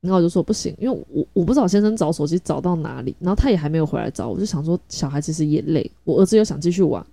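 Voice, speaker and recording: A woman's voice: low-pitched, expressive, rapid-fire, gravelly, few pauses, mellow, no room sound. A woman, telling a casual story as a podcast host, chatty and laughing often, thinking aloud mid-sentence.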